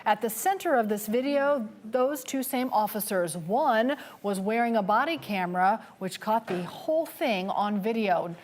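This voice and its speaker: A woman's voice: medium pitch, animated, moderate pace, few pauses, a little hiss or hum. A woman anchoring a television news broadcast in a presenter's scripted style.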